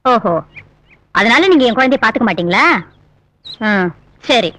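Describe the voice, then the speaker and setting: An actress playing a young pregnant village woman, sharp and scolding when crossed. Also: fairly high pitch, expressive. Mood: angry. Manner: sharp, scolding, quick to anger. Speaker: expectant mother in a short film. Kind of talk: film drama acting. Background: loud film score.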